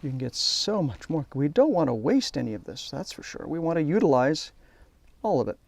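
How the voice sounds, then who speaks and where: Guy with a gravelly voice showing how it's done in his workshop, gets all excited, talks while he works. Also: a little high, fairly quick, dry recording. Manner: enthusiastic, chatty, narrates while working. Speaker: hobby instructor. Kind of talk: hands-on demonstration.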